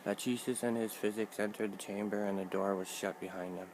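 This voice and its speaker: A man reading a fantasy book aloud in a measured, steady narration. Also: lowish voice, background noise. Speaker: reader. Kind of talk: audiobook narration.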